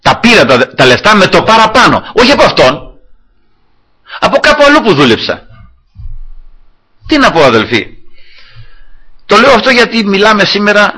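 A man's voice: high-pitched, sing-song, long pauses, sharp tone, slightly rough. A man preaching a sermon to his congregation, telling a personal story and acting out the dialogue in it.

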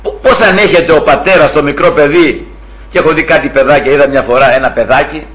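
A man preaching a sermon, telling a story with lively rises and quiet asides to his brothers. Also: fairly high pitch. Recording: dull lo-fi recording.

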